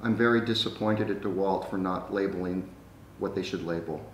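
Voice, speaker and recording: An older man co-hosts a vlog, chatting casually while testing a gadget in the dining room at home, his low voice at normal speed full of dry, grumbling sarcasm. A camera microphone across the room picks him up, so the sound is echoey and distant with faint noise.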